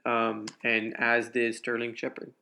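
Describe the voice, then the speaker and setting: A man recaps football games for fantasy players in an easygoing, halting way, often restarting his sentences. His voice is bright at a middle pitch. He mostly hands out practical pickup tips. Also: completely flat delivery, creaky. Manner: laid-back, halting with restarts, gives advice. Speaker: fantasy football podcast co-host. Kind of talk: casual sports chat.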